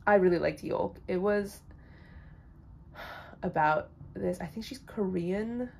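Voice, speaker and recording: A woman's voice: lowish voice, slow pace, vocal fry, a little mellow. A young woman casually rambling through blunt opinions on books she has read, with lots of fillers. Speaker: book vlogger. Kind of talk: casual chat.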